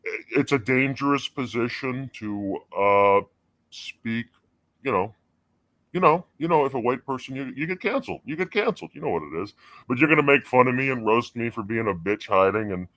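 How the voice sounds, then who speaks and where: A male caller talks through a voice changer that drags his voice down into a deep, artificial register, and the sound is dry and close. He is in his forties and rambles in halting bursts full of fillers and casual swearing. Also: animated, fairly bright tone, no room sound. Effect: deep pitch-shifted voice changer. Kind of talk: casual call-in chat.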